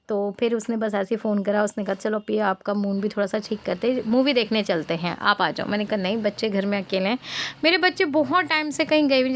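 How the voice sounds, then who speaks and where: Chatty woman vlogger with a gravelly edge. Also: a little high, no echo. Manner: chatty, rambling storytelling to viewers. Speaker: cooking channel vlogger. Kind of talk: casual vlog voice-over.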